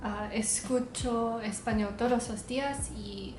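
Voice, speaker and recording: A young woman with a fairly high voice talks slowly, in a casual vlog style. She is a native English speaker whose Spanish carries an English accent, and she pauses to hunt for words. The room is echoey, with a little background noise. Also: fairly even intonation. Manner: halting, searching for words in Spanish. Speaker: language-learning vlogger.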